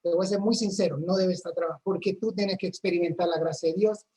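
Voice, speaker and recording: A woman's voice: on the low side, steady tone, fast, mellow, rough recording. Earnest woman telling a faith story. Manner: earnest storytelling with frequent restarts. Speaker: church ministry member. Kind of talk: casual faith discussion.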